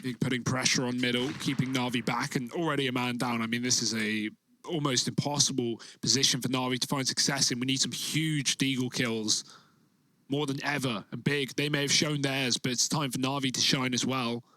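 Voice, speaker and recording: A man giving live esports match commentary as a play-by-play caster, excitable when the action builds. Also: medium pitch, brisk, no echo.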